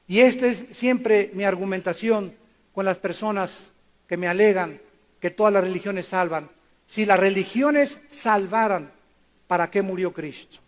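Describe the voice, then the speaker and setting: A man with a strikingly high voice delivers a fervent sermon. He swings from loud proclamation to hushed lines, and his words ring out in a long hall echo. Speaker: preacher.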